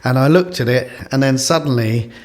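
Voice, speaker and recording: A man's voice: mid-range voice, moderate pace. A man hosting a casual podcast, chatty and rambling, with lots of fillers and restarts. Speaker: podcast host and company CEO. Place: office studio with a coffee table.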